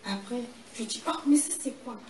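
A woman's voice: on the high side, fairly quick, dark tone. Woman telling a vivid testimony, echoey. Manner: vivid storytelling, acts out what happened. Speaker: guest giving a testimony. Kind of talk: personal testimony in conversation. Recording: echoey and distant with noise.

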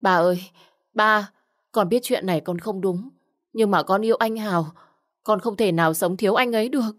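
A woman's voice: mid-range voice, moderate pace, lightly acted. A woman voicing a young woman who cries and pleads with her father in a spoken story. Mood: pleading. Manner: crying, pleading.

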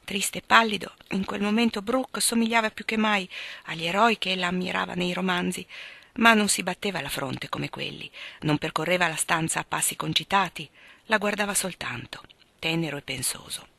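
Woman narrator for a classic novel, low and bright, dry close sound. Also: gravelly, dry recording. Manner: measured, expressive storytelling. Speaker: audiobook reader. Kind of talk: literary audiobook narration.

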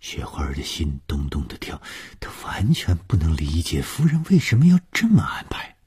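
Husky deep-voiced male storyteller. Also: huge pitch swings, normal speed, a little mellow. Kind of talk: traditional long-form storytelling narration.

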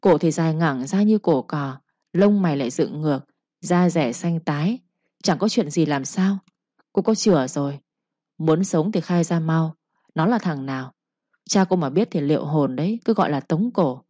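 Bà Thản nags and lectures, sharp-tongued yet low and mellow, as a woman narrator puts her on. The sound is dry and dull, a lo-fi storybook recording. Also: expressive, normal speed, dry recording. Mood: nagging. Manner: nagging, lecturing with proverbs. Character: sharp-tongued scolding village mother.

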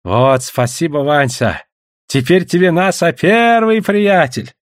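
A man's voice: fairly high pitch, animated, slow pace, no echo, clean studio sound, voice pushed up. A man doing wheedling native trader. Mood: pleased. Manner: broken pidgin speech, coaxing.

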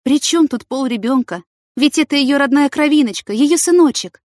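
A woman's voice: high-pitched, animated, moderate pace, darkish tone, no echo, clean studio sound, voice pushed up. A woman reading an audiobook, voicing a chatty, kind-hearted young mother in a hospital ward who talks earnestly.

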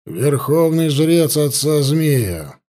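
A man voicing a steady, respectful warrior in an audiobook, speaking in a measured, grave way. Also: a little high.

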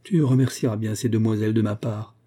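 Frail, humble young girl, voiced by a male reader, soft and husky. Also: fairly low pitch, fairly even intonation, a little fast, close to an everyday voice.

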